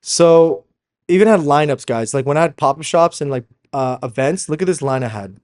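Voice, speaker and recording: At a normal speed, in a slightly high voice with a darkish tone, a man coaches emphatically and informally in a motivational sales video. He founded a fashion brand, speaks Slovak, and moved from Slovakia to Canada as a young child; he keeps saying "guys" and checking in with tag questions.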